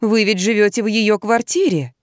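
A woman reading an audiobook, voicing a frightened, timid female friend who pleads softly over the phone. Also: mid-range voice, fairly even intonation, normal speed, no room sound, clean studio sound, natural voice. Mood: insistent.

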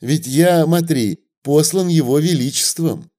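A man voicing a fawning, terrified old male merchant who pleads in a sugary voice and breaks into shrill wailing. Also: unhurried, dark tone, lightly acted. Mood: pleading.

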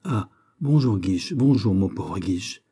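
Brief: male reader doing a jovial, mocking young prince in a storybook reading, dark husky timbre, unhurried. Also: on the low side, animated, full character voice. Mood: teasing jovial. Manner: teasing, laughing, lordly.

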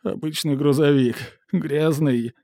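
A man's voice: a little high, fairly even intonation, slow, mellow, no room sound, studio quality, pitched above the performer's own voice. A man voicing a cowardly, whining male factory manager who squeals and pleads.

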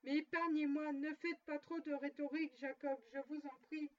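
A frightened old male miser pleads humbly, his words faltering, as a woman reads him in a storybook reading. The voice sits high. It sounds dull and distant. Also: fairly even intonation, moderate pace, natural voice. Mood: pleading. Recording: muffled and distant.

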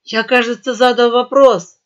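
A woman's voice: sits high, fairly quick, voice pushed up, lightly acted. A woman doing a squealing boar pirate captain. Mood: menacing. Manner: squealing, threatening. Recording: dull lo-fi recording.

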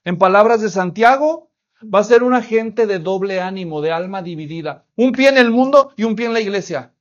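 High-voiced preacher man. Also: normal speed, muffled recording. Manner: preaching with rhetorical questions and acted anecdotes. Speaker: pastor. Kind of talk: sermon.

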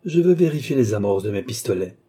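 A man's voice: lowish voice, animated, fast talker, dark tone, slightly rough. A man voicing a treacherous army captain who speaks coldly and mockingly, taunting his victim. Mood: cool menacing. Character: treacherous scheming Italian army captain, gloating.

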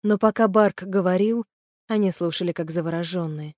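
A woman's voice: on the low side, moderate pace, dry recording. Woman reading a fantasy novel, dry close sound. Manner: even, steady storytelling. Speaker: audiobook reader. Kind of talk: scripted narration of a fantasy novel.

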